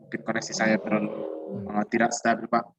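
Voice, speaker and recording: A man's voice: fairly low pitch, monotone, fast talker. A man moderating a class discussion, speaking politely and formally while his online call audio crackles and keeps breaking up. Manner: polite and formal, asks leave before speaking. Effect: choppy, crackly online call audio that keeps breaking up. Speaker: student moderator of a presentation group. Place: remote participant on an online video meeting.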